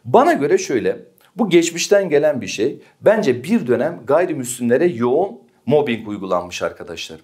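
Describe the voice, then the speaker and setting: A man's voice: mid-range voice, big pitch swings, normal speed, a little mellow. A man teaching an exam-prep history lesson, often asking his students questions and answering them himself.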